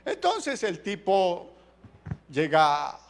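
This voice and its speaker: A pastor, preaching a sermon in a colloquial, jokey storytelling way. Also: male voice, high voice, huge pitch swings, drawn-out words.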